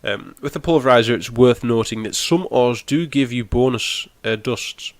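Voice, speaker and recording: A young gaming channel host with a cold sounds nasal and snotty as he casually walks through a game in a mid-range voice at moderate pace, recorded dry. He rambles and explains as he goes, with plenty of ums.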